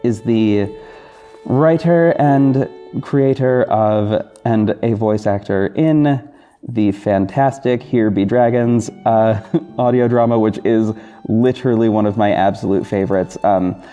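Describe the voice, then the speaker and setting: Speaking slowly in a warm, lowish voice, a podcast host and audio drama creator gushes informally to his listeners in a casual solo chat. A music bed plays behind him throughout.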